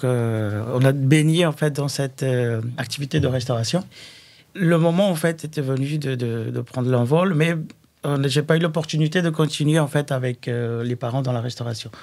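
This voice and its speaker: A man who founded a food brand, answering an interview question haltingly and leaning on fillers. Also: mid-range voice, darkish tone. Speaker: food entrepreneur guest.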